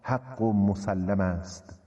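A man voicing a solemn male prophet addressing a large gathering, speaking slowly and gravely, in a dull, reverberant recording. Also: fairly low pitch, mellow, lightly acted. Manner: slow, grave, measured oration.

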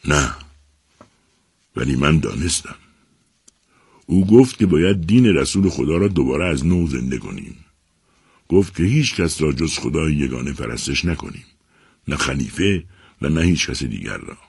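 A man's voice: very deep voice, expressive, creaky, long pauses, a little mellow, slightly rough, dry recording, studio quality, full character voice. A man voicing an earnest male scribe in an audiobook, explaining in an intent way.

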